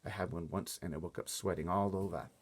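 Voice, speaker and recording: A man's voice: low-pitched, fairly quick, breathy edge. A man voicing a curious, anxious little girl in a storybook, with short, earnest questions and remarks. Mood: questioning.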